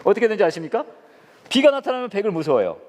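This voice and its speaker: Animated male pastor with fast, lively delivery. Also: high voice, big-room sound. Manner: animated, asks the audience questions and answers them; acts out quoted lines in changed voices. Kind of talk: Bible study teaching.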